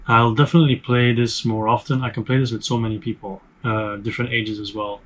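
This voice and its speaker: A man's voice: mid-range voice, level tone, brisk, poor audio. A man hosting a board game review channel, talking casually to camera in a room full of game shelves, chatty and rambling, with many fillers and restarts.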